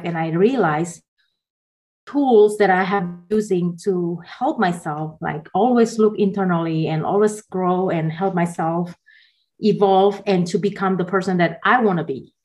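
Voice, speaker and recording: A woman in her forties from Indonesia, a podcast guest telling her life story in a soft, halting way with small laughs. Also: on the low side. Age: 40s. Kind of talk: personal story in a podcast interview.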